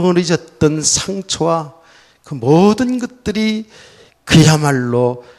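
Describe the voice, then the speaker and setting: A middle-aged man, a pastor, telling a personal story in a sermon, swinging between loud outbursts and soft, low asides. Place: church sanctuary.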